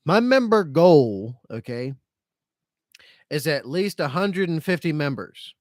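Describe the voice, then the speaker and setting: A man's voice: on the high side, big pitch swings, slow pace, a little mellow, no echo, studio quality. A man hosting a casual live stream, reading out chat comments and rambling repetitively in a self-pitying, resigned, sweary way. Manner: rambling and repetitive, circling back over phrases.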